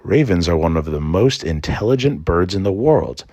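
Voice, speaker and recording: A man narrating a scripted trickster folktale and explaining it in an expressive storytelling manner. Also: low voice, normal speed. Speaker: storyteller and presenter.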